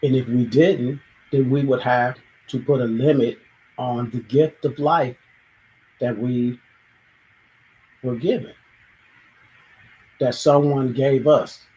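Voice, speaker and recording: Warm, steady and slow, with long pauses, this host's mid-range voice comes through on poor audio. He reflects alone, thinking aloud, voicing everyday dialogues and sometimes starting a thought over.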